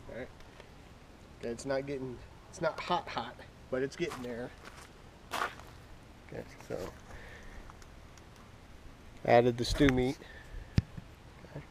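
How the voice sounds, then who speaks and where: A man's voice: mid-range voice, fairly even intonation, slow pace, pauses often. A man talking casually and plainly as a cooking show host, explaining each step of a recipe in an informal, folksy way. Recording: clearly noisy background with clicks.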